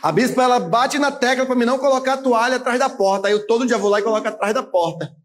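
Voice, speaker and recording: A man in his late thirties, a pastor, preaching a sermon in a conversational way, with frequent tag questions and occasional shouted emphasis. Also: very high-pitched, fast. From Brazil. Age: 30s.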